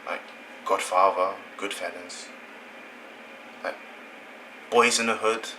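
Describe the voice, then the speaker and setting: Low, tense-voiced British man vlogging. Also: fairly even intonation, slow, sharp tone, a little hiss or hum, low-quality recording. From England. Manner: rambling, self-correcting, conversational. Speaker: channel host. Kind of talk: casual opinion monologue.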